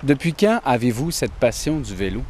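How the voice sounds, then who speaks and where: A man's voice: medium pitch, sing-song, moderate pace, darkish tone. A man asking brief, direct interview questions outdoors. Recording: noisy outdoor street recording.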